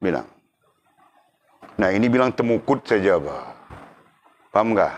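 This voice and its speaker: A man's voice: lowish voice, sing-song, moderate pace. A middle-aged man teaching a religious class, speaking emphatically and often checking that his students understand.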